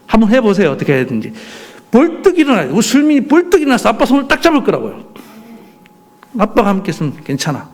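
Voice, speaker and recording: A man's voice: sits high, huge pitch swings, fast talker. A male pastor preaching a sermon emphatically, pressing the congregation with rhetorical questions.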